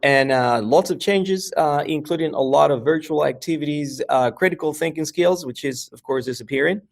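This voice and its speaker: A language educator from New York with a Mexican American accent speaks casually as an interview guest, often checking in with "right?" between thoughts. His fairly high voice is creaky and at normal speed, with frequent "uh" fillers and restarts.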